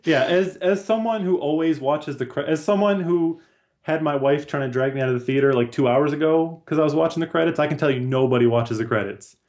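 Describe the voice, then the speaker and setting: Slightly high-pitched with a darkish tone, this man speaks fairly quickly. He's in his thirties, a comics artist guesting on a casual video call, using headphones in a small home or office room.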